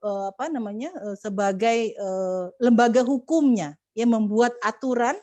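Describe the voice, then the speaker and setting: A woman's voice: a little high, unhurried, warm tone, no room sound. A woman speaking as a communication expert on a video call webinar, giving earnest, preachy advice to mothers with many fillers and restarts.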